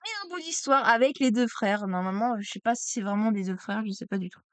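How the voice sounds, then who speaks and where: A woman streaming a card opening, chatty and excitable, exclaiming over each card. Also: mid-range voice, fast talker, clean tone, no echo. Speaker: streamer opening trading cards. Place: at home desk.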